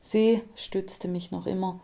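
A woman narrating an audiobook in a calm, measured way. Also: mid-range voice, gravelly.

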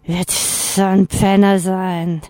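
A woman's voice: mid-range voice, little pitch movement, slow pace, darkish tone, no room sound, close to an everyday voice. A woman voicing an arrogant night creature that hisses and whines. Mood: sneering. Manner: hissing, whining.

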